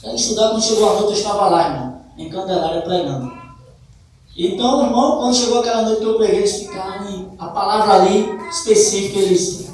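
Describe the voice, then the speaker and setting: A man's voice: high voice, fast, darkish tone. Fervent Brazilian man testifying in an echoey church. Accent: Brazilian Portuguese. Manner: fervent, keeps addressing listeners as brother. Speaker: church member giving testimony. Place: church hall. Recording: very echoey church hall, distant mic, faint noise.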